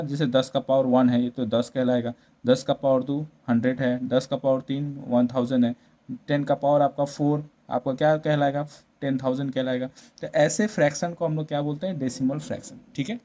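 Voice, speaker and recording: A mellow, mid-range male voice guides listeners through a maths lesson in classroom fashion. Step by step, he mixes English number words into Hindi and keeps checking in using tag questions.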